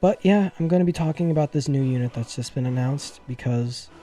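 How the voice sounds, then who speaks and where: A man in a mid-range voice speaks fairly quickly as he hosts a news video, gushing excitedly to viewers in casual gaming commentary. Faint music plays behind him.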